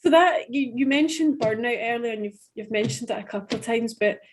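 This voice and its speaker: A woman hosting a podcast, telling stories in a chatty, animated way and acting out what people said. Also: fairly high pitch, a little fast. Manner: animated storyteller, quotes people, says "right?". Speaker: podcast host. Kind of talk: casual interview conversation.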